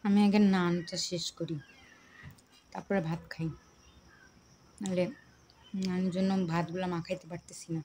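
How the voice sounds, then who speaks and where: A woman vlogger from Rangpur, Bangladesh, talking softly and casually to the camera at a meal at home. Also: on the low side, level tone, normal speed, long pauses, slight background noise. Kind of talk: casual chat to camera while eating.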